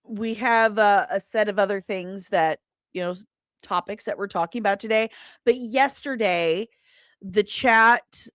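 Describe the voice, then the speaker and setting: A British woman, a comic book writer, hosts a casual livestream and chats playfully and emphatically straight to her viewers. Her medium-pitched voice is a little slow. The recording is dry and studio quality.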